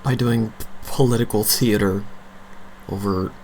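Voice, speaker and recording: A man's voice: lowish voice, fairly even intonation, a little slow, darkish tone, slight background noise, poor audio. A man streaming, giving casual, blunt and wry reaction commentary with profane asides.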